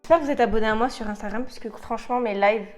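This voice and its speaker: A woman's voice: a little high, very fast, faint music behind. Chatty young woman doing her makeup. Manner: chatty, mixes English phrases, dramatic outbursts. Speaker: beauty vlogger. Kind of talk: casual makeup tutorial chat.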